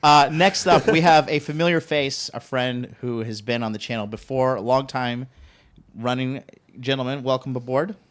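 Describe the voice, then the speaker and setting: A man's voice: mid-range voice, normal speed. A man hosting a live dating talk show, upbeat and hyping up his panel. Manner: upbeat, hype-building. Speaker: host. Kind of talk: energetic podcast hosting.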